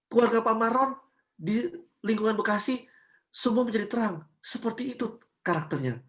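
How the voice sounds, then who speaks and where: A woman pastor from Ambon giving a sermon at a church service, chatty and lively, full of homely examples and rhetorical questions. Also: on the high side, moderate pace. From Ambon, Indonesia.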